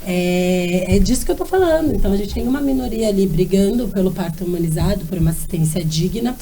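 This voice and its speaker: A woman in a casual chat who explains calmly, sounding like a health professional. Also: medium pitch, fast talker, slight background noise. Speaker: obstetric nurse guest.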